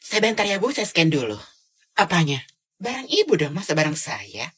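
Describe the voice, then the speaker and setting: A woman's voice: low-pitched, very animated, normal speed, fairly bright tone, slightly rough. A woman performing a one-person comedy skit, switching between many bickering characters.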